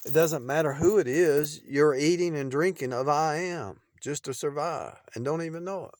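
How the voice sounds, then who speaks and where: A middle-aged man talking in an unscripted, rambling preaching monologue, repeating phrases and restarting sentences, often dropping in loudness. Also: on the high side, moderate pace, dry recording.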